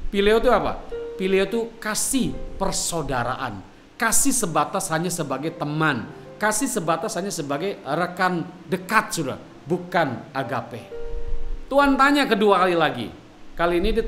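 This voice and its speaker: A male pastor delivers a sermon in a fairly high voice that swoops up and down with a lot of expression. He talks straight to the congregation and sometimes breaks into a short line of a worship song. Soft instrumental music plays faintly behind him. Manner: addresses the congregation directly, sings snatches of worship songs.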